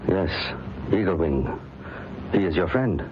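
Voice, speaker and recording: A man playing a solemn, commanding medicine man in an old-time radio drama, speaking gravely and tersely. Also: low-pitched, lively intonation, a little slow. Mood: grave, sceptical. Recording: muffled, noisy vintage radio recording.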